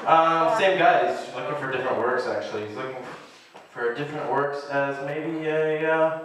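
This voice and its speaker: A man's voice: fairly high pitch, normal speed, a bit bright. A young man doing casual, rambling stand-up comedy on a small club stage. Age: young adult. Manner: rambling, laughs at his own bits. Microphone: handheld stage mic, recorded by distant camera. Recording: echoey club room from far off, audience noise.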